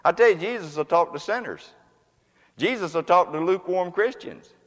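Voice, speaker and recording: A man's voice: high voice, animated, moderate pace. Folksy preacher man in a reverberant church. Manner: folksy, conversational preaching with homespun examples. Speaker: pastor. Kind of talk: sermon. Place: church sanctuary.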